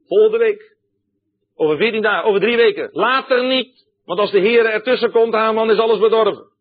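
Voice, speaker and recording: Scheming demons with an urgent, insistent push, put on by a male preacher; high and loud, tinny phone-like sound. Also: a little fast.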